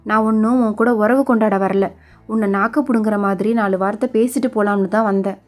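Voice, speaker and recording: A woman's voice: medium pitch, steady tone, soft background music, close to an everyday voice. A woman reading an angry, scolding wife. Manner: sharp, scolding, quick.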